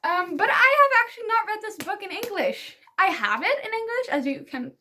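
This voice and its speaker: Speaking briskly in a notably high voice, a young woman whose first language is Dutch rambles and giggles through book recommendations in a casual vlog. She sounds enthusiastic and relaxed, with slight background noise present.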